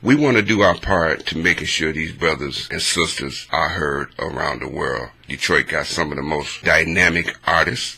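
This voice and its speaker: Deep gravelly guy hosting internet radio, bright raspy tone, upbeat. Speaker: radio host. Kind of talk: internet radio talk show.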